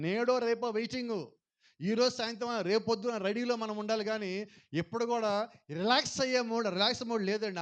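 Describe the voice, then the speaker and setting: A male pastor with a high voice preaches a sermon, slipping English phrases into it and pressing the congregation to answer louder.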